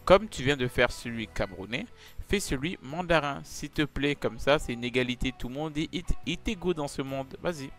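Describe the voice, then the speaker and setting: A man hosting a comedy chat, pleading and insistent, swinging from mumbles to shouts. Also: mid-range voice, expressive, normal speed, soft background music. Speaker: YouTuber host.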